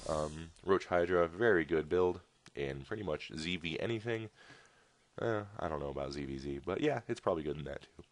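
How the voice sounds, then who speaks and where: Low-voiced joking game caster man. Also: fairly quick, no echo. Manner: jokey, rambling asides. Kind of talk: casual video game commentary.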